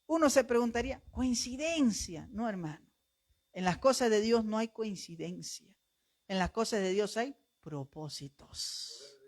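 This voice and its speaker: A male pastor preaching a sermon, telling a story with lively acted-out voices and rising to loud calls near the end. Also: high voice, moderate pace. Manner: animated storytelling, acts out family voices.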